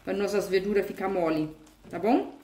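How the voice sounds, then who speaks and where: A woman of medium pitch, speaking at normal speed, guides viewers through a recipe step by step from her kitchen, with reverberation and heavy background noise. She hosts a vegan cooking channel, and this casual tutorial is chatty and homey, complete with diminutives and fillers.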